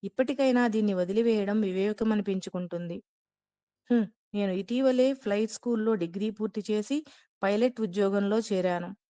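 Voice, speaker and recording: A woman reads a novel aloud at a calm, measured pace, keeping the characters' lines in her own voice. The recording is dry and close, with no room sound. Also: mid-range voice, no room sound. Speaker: audiobook narrator. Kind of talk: reading a translated novel aloud.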